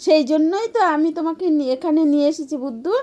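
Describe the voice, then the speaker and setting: A woman's voice: high-pitched, fast, warm tone, highs cut off, lightly acted. A woman voicing a shrewd young farmer wife who schemes and gives firm orders. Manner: firm and commanding.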